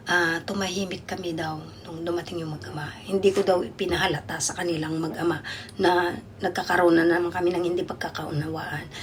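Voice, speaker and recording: A woman's voice: on the low side, a bit bright, a little hiss or hum. A woman from the Philippines who works abroad as a domestic worker, chatting casually to her viewers and rambling with many fillers and restarts. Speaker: overseas domestic worker vlogger.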